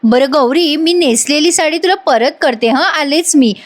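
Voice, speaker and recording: A woman's voice: sits high, normal speed, voice pushed up, close to an everyday voice. A woman voicing a spoiled, scheming young woman with a mocking, teasing manner.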